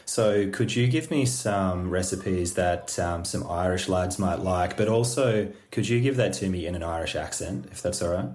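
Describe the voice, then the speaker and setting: A man's voice: deep voice, normal speed, few pauses, darkish tone, reverberant. A man, casual and friendly, chatting to an AI app. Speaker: AI app user, interviewee.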